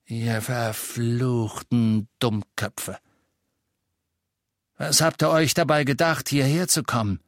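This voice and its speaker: A man voicing a gruff, defiant old male innkeeper wizard who bellows scornfully at his enemies. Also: medium pitch, fairly even intonation, takes it slowly, no echo, studio quality. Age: older.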